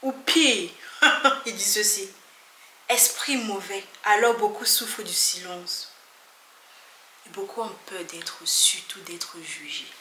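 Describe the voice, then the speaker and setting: A woman vlogger talking earnestly to her viewers, emphatic and often soft and hushed. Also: mid-range voice, takes it slowly. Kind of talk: earnest talk to camera. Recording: echoey room with faint background noise.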